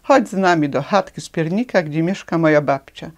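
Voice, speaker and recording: A woman's voice: sits low, normal speed. Woman reading as a cheerful little red-hooded girl. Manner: warm, inviting.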